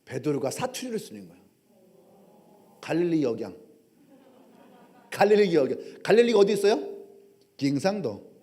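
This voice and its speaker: A male pastor preaching a sermon, telling stories with animated humor. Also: fairly high pitch, moderate pace, pauses often.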